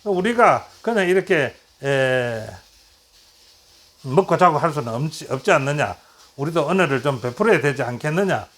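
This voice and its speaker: A man's voice: fairly high pitch, animated, moderate pace. A middle-aged man teaching a Bible lesson, retelling stories and acting out quoted lines, asking and answering his own questions.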